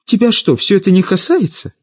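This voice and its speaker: A man voicing a distressed young woman who speaks bitterly and sharply, with a slightly husky voice. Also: on the high side, very animated, unhurried, voice pushed up. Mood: upset. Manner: bitter, complaining. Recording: dull lo-fi audiobook with faint music.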